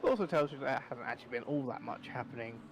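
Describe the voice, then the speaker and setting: A man's voice: mid-range voice, animated, fast, noisy background. Chatty male sim racing commentator. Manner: rambling, self-correcting, chatty. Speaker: race commentator.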